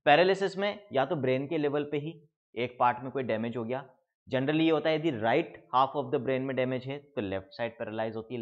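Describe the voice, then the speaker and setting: A man's voice: medium pitch, muffled recording. A man with an Indian accent giving an exam-prep biology lecture. He explains each step, puts questions to the class and answers them himself, and mixes English terms into his talk. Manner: mixes English terms into Hindi speech, calls students kids. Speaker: biology teacher.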